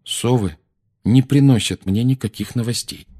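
Terse, cold teenage boy, read by a man, slightly raised, husky. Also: mid-range voice, lively intonation, moderate pace, warm tone. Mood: cold defiance. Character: teenage boy wizard, cool and defiant. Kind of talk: audiobook character voice.

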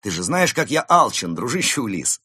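A man voicing a cheerful, greedy male panda shopkeeper in a storybook reading, lively and wheedling with a husky tone. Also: medium pitch, brisk, no echo, studio quality, full character voice.

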